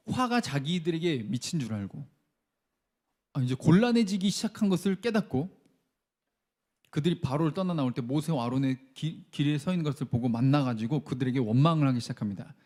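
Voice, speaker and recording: A man's voice: on the high side, lively intonation, brisk, a little mellow. A man preaching a sermon as pastor. He leads the congregation in reading verses aloud and acts out the people's complaints.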